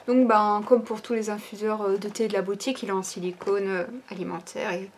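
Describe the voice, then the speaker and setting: A woman with a medium-pitched voice delivers flatly and a little fast while showing new products from her online store. She's chatty, hesitant, and leans heavily on fillers like "ben" and "euh," and a slight hiss or hum is audible.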